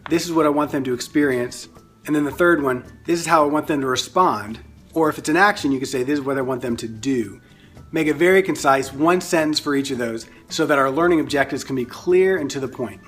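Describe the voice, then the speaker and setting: A man explaining step by step how to host short overview videos, in a relaxed, friendly way with frequent fillers, over light music. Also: fairly high pitch. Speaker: ministry staff instructor. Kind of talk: casual instructional explanation.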